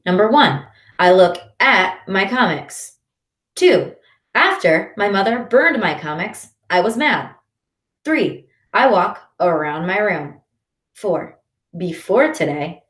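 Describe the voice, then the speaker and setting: A woman narrating a first-person children's novel in an expressive reading voice. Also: on the low side, measured pace. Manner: expressive, shifting into character voices. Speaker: audiobook narrator. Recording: roomy echo.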